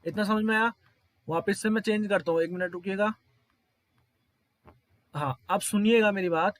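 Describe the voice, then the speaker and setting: High-voiced man teaching math tricks. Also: normal speed, no echo. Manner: repetitive, quizzes listeners often. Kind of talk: explaining exam problems step by step.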